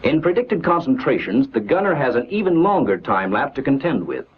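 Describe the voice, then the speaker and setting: Narrating a scripted 1940s military training film, a man speaks in a measured, instructional, declarative way on an old film soundtrack. His voice sits at medium pitch, very animated with a breathy edge, and the highs are cut off.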